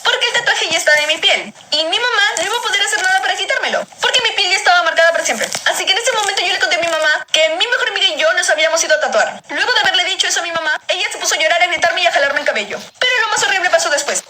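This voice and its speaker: A woman narrating a personal story in a fast, expressive, dramatic way. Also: extremely high pitch. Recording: background noise.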